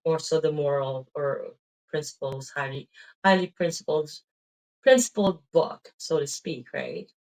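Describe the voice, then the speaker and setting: On a rough recording, a tired, worn-out middle-aged Filipina talks casually and ramblingly about her faith with a Filipino accent, often saying "um" and tagging on "right?" Her voice is low, a little mellow, and unhurried.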